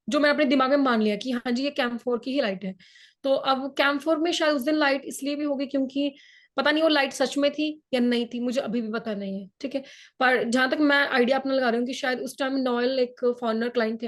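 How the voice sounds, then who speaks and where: A woman mountaineer from India, recounting her climb in an interview. She talks earnestly, mixes English words into her speech, and has a sore throat. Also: high voice. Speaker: mountaineer guest. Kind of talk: interview, personal storytelling.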